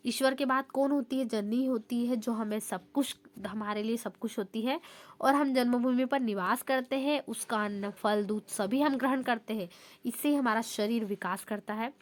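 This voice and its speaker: A young woman teacher going step by step through exam answers and reading sample sentences aloud in a steady, explanatory way. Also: a little high, moderate pace.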